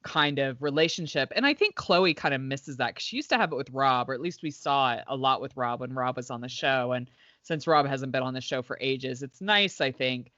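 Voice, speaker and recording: A woman's voice: a bass voice, brisk, a bit bright, no echo. A woman co-hosting a podcast in casual chat, talking with enthusiasm and plenty of filler words. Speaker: podcast co-host. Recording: dry, slightly dull sound.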